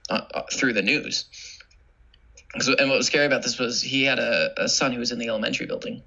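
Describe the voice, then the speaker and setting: A young man in casual chat whose voice is bright and gravelly, with plenty of vocal fry. He rambles through his stories with restarts and laughter, on a muffled lo-fi recording. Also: mid-range voice, fairly even intonation, fast.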